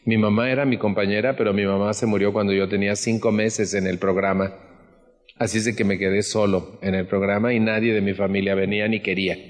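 A man's voice: on the low side, flat delivery, a little fast, big-room sound. A middle-aged Mexican man with a Mexican Spanish accent gives an earnest personal testimony at a support group meeting, often putting questions to the audience.

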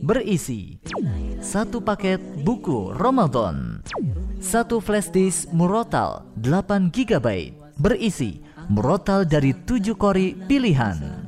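Male radio ad announcer over music. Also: high-pitched. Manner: smooth promotional delivery over music. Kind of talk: scripted radio ad read. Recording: music bed under voice.

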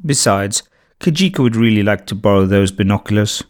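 A man voicing a wary, serious female woodland animal who speaks slowly and carefully. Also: mid-range voice, expressive, a little mellow, lightly acted. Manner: slow, serious, measured.

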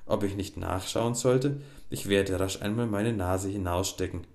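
A man voicing a cheeky, mischievous little water-sprite boy, talking in a lively, playful way. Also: deep voice, unhurried. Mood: sneaky. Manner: lively, mischievous thoughts spoken aloud.

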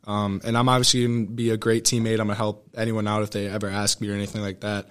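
Lowish-voiced young American male athlete. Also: little pitch movement, quick pace, a bit bright, clear, resonant tone. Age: young adult. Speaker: podcast guest, student athlete. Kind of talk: casual interview chat.

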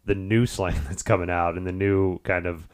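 A man's voice: low-pitched, steady tone, normal speed, clean tone. A man from Texas co-hosting a casual podcast, rambling with lots of fillers. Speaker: podcast co-host.

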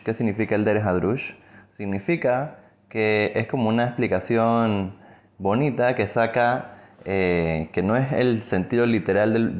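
A man's voice: on the low side, a little mellow. Guy explaining a religious lesson, chatty, asks himself questions then answers. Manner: conversational, many fillers and restarts, asks and answers own questions. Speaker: religious teacher. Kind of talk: casual religious lesson with a parable.

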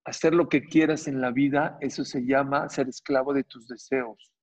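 Husky, emphatic rabbi preaching. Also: male voice, mid-range voice, moderate pace. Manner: animated, emphatic rises and repetition. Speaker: rabbi teaching a Torah class. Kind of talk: sermon. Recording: dull lo-fi recording.

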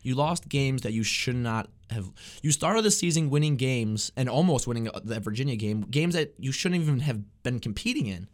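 Halting young man talking college football. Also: mid-range voice, lively intonation. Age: young adult. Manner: halting, repeats words often. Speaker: student sports reporter, show host. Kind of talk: casual sports talk.

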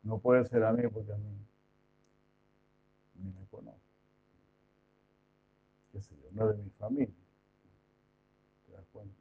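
A man's voice: on the low side, fairly even intonation, unhurried, vocal fry, long pauses. A man giving an informal devotional lecture, chatty, full of rhetorical questions and mock imitations. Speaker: devotional preacher. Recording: tinny phone-like sound.

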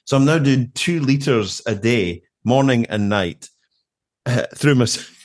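Speaking a little slowly with lively intonation and a medium pitch, a middle-aged British man tells stories as a casual interview guest. He repeats things for emphasis and drops in colloquial asides, and there's no room sound.

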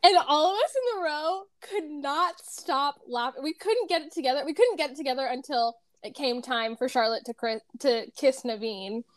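A woman in her twenties co-hosting a casual podcast, telling stories in an animated way and laughing as she talks. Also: sits high, moderate pace, hardly any pauses, no room sound. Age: 20s. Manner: animated storyteller, laughs while talking. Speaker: podcast co-host.

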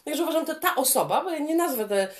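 A woman in her thirties co-hosting a podcast, chatting casually and laughing often. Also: quick pace. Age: 30s. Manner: animated, laughing, swings high and low. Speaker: podcast co-host. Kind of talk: casual chat.

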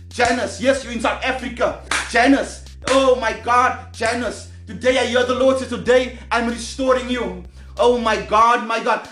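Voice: mid-range voice, fairly bright tone. A preacher delivering charismatic prophecy and prayer in a fervent, commanding way, repeating phrases insistently. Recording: echoey sound with music behind. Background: music.

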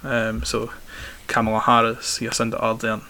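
A young adult man with a strong Glaswegian accent answers interview questions talkatively and conversationally, often repeating the starts of his phrases. His mid-range voice has a sharp tone, moves at normal speed, and comes across completely flat.

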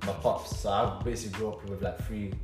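A man's voice: on the low side, flat delivery, brisk. A young man with a London roadman accent in a casual chat with friends. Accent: London roadman (multicultural London English). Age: young adult. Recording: echoey room with music behind.

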